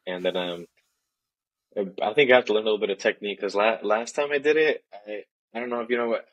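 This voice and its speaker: A man's voice: lowish voice, fast talker, fairly bright tone, highs cut off. A young man from Tijuana and San Diego, chatting casually as a podcast guest, rambling with many restarts. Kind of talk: casual chat.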